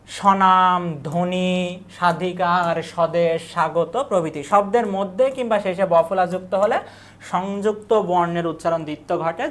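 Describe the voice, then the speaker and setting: Speaking at medium pitch, a woman delivers an exam-prep lecture as a teacher. Her style is to pose a question and supply the answer herself, and she goes over key terms and lists more than once.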